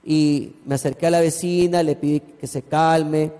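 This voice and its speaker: A man's voice: fairly high pitch, fairly even intonation, measured pace, mellow. A man, a pastor preaching a sermon and telling a story with asides to his congregation. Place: church hall. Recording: long church hall reverb.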